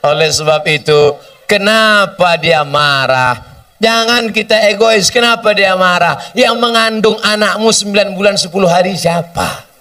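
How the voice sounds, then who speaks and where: A man's voice: high voice, slow pace, pushed and bright, far from the mic. A man preaching a humorous sermon, often acting out short dialogues between people. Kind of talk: sermon with question and answer.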